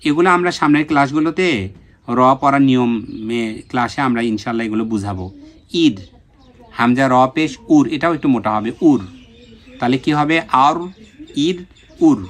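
A man's voice: medium pitch, normal speed. A man with a Bangladeshi Bengali accent teaching Quran reading, patiently drilling syllables one at a time and asking his pupils questions. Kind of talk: slow drilled phonics lesson.

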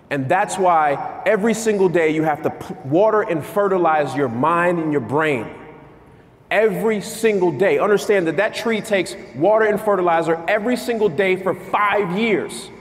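Energetic man giving a keynote. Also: sits high. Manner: energetic, pacing the stage, asking the crowd questions. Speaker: keynote speaker. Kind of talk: motivational keynote. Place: large conference hall, on stage. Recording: long hall reverb.

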